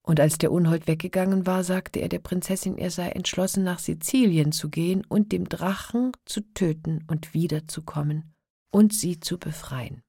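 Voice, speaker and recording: A woman reading a fairy tale aloud in a soft voice, often dropping to a whisper. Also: fairly low pitch, fairly even intonation, normal speed, creaky, breathy edge, no room sound, clean studio sound. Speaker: storyteller.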